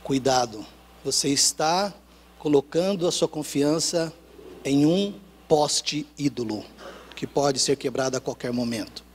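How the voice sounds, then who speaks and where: A man with a Brazilian Portuguese accent preaching a sermon, telling a personal story with acted dialogue and swinging from hushed lines to loud, rising ones. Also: a little high, unhurried, slight background noise. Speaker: pastor.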